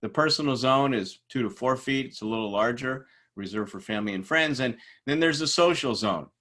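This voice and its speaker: A man's voice: medium pitch, fairly quick, fairly bright tone. A man teaching a recorded lecture in a casual, conversational way, with frequent fillers and restarts.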